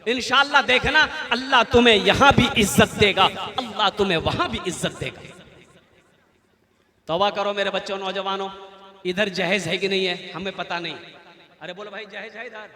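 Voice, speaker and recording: A man's voice: high-pitched, fairly even intonation, normal speed, sharp tone. A man with a Bengali-tinged Kolkata accent preaching a religious sermon, firing questions at the crowd and calling on them to answer. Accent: Kolkata Bengali-tinged Hindi. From Kolkata, India. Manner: rhetorical, questions and goads the crowd. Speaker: Islamic preacher. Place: religious gathering on a stage. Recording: echoey hall with long reverb.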